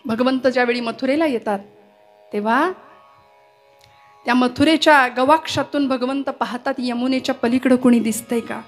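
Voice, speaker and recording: A woman kirtan preacher giving a devotional sermon, telling its stories in an expressive, declamatory way and reciting Sanskrit verses. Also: sits high.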